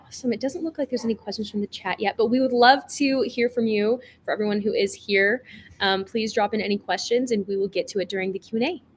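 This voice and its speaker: A woman's voice: medium pitch, fairly even intonation, fast. Upbeat woman moderator on a video call, chatty with fillers, light hiss behind her. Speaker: panel moderator. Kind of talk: virtual panel discussion.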